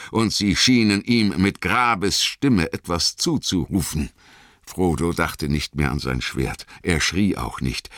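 A man reading a fantasy story aloud in an expressive, dramatic narration. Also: low voice, no echo, studio quality. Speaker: audiobook narrator. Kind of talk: scripted narration.

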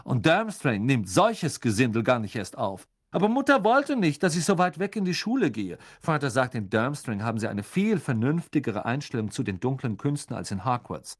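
A man's voice: medium pitch, very animated, normal speed, few pauses. Man doing a snide, drawling rich boy. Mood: sneering. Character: arrogant sneering schoolboy.

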